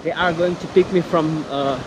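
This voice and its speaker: A man's voice: on the high side, steady tone, moderate pace. A young man from Nepal talking casually to an action camera he holds at arm's length while walking around a mountain valley, with lots of fillers and restarts. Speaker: travel vlogger. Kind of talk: casual vlog. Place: outdoors in a mountain valley and a small shop. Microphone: action camera held at arm's length. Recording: outdoor camera mic with loud background noise.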